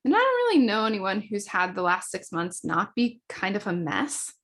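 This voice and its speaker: A woman astrologer giving a casual explanatory talk, quick and chatty, with fillers and self-corrections. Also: mid-range voice, huge pitch swings, a bit bright. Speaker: astrologer teaching a class.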